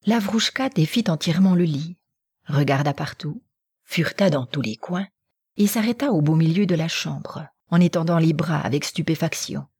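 A woman narrating an audiobook in a hushed, half-whispered way. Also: deep voice, moderate pace, breathy edge, no echo, studio quality.

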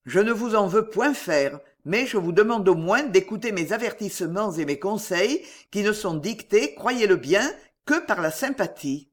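A reader voicing a grave, cautious older notary who advises in a measured, earnest way. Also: mid-range voice, lively intonation, close to an everyday voice. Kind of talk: audiobook character reading.

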